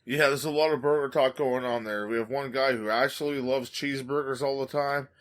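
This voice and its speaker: A man's voice: mid-range voice, fairly even intonation, a little fast, a bit bright. A man co-hosting a podcast in casual chat, joking and swearing freely while plugging the show. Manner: joking, profane, hype-man plugs. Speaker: podcast co-host.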